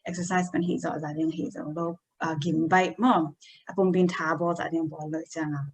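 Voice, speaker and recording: Low-voiced woman explaining health topics slowly. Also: steady tone, husky. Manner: hesitant, slow explaining with English medical terms. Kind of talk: informal health talk.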